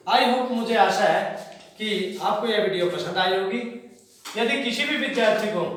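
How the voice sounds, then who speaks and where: Slow, high-voiced teacher in an echoey room. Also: male voice, fairly bright tone. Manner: slow, spells words out letter by letter. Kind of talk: classroom grammar lesson. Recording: very echoey room, distant mic.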